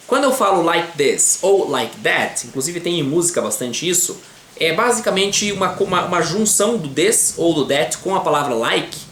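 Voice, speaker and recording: A man with a Brazilian Portuguese accent teaching English grammar to beginners. He checks in often with quick tag questions and slows down to model pronunciation. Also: on the high side, a bit bright, roomy sound, slight background noise.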